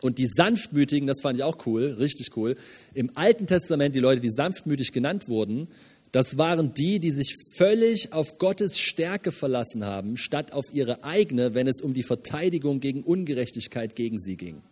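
A man preaching a sermon as a pastor, emphatic and lively, with casual asides. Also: mid-range voice, moderate pace, husky, long reverb tail. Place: church hall.

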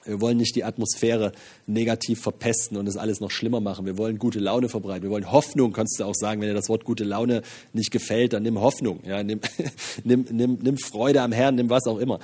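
A man's voice: on the low side, fairly quick, breathy edge. A man preaching a sermon with energy, often repeating himself and throwing in "ja". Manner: energetic, many interjections and repeated phrases. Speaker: pastor.

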